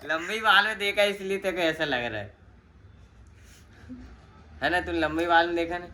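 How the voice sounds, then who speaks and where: A man's voice: high-pitched, moderate pace, pushed and bright. A young man vlogging, telling a long story in casual slangy chat and acting out quotes as he goes.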